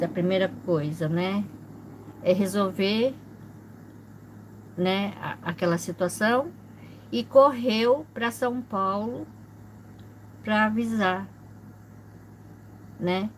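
A middle-aged woman telling a personal story on her vlog in a soft, halting way, often repeating herself. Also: medium pitch, a little hiss or hum. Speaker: channel host.

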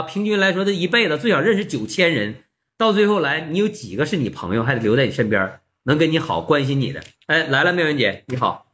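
Man, Northeastern Mandarin accent, bright voice, fairly high, blunt and mocking, storytelling vlog. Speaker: vlogger. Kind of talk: storytelling monologue.

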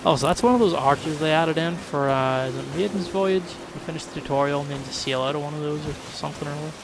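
Speaking fast in a fairly high-pitched voice, this man livestreams a game and talks casually to his audience, reasoning aloud as things happen. His gameplay commentary is chatty and full of reactions to surprises, set against in-game ocean and ship noise.

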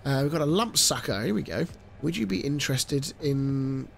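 With a cold making his voice nasal and stuffy, a man in his thirties who hosts a gaming channel chats his way through a let's-play, using plenty of fillers. His medium-pitched voice has lively intonation, normal speed and some vocal fry, with soft background music behind him.

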